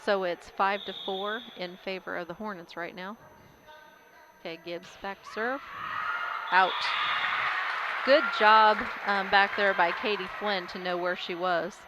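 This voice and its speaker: A woman giving casual play-by-play commentary on a volleyball game, getting louder on big plays. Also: mid-range voice, fairly even intonation, unhurried. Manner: chatty, casual, rises loudly on big plays. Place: school gym during a game. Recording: loud crowd and gym noise.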